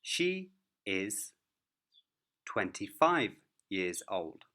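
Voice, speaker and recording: Very slow, carefully spoken male teacher. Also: lowish voice, big pitch swings, bright, forceful tone. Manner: clear, careful word-by-word delivery. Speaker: English teacher. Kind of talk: slow, deliberate beginner lesson.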